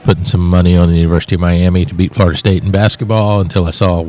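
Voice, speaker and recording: A man's voice: sits low, level tone, very fast, dark tone, a little hiss or hum. A man co-hosting a podcast in casual chat, teasing the others with dry humor. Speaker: podcast co-host.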